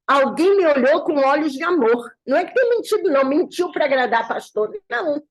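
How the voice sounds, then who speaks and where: Woman pastor, slightly high voice, animated church teaching with storytelling. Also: brisk. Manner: animated, acts out quoted voices in a folksy tale. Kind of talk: sermon lesson with storytelling. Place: church classroom.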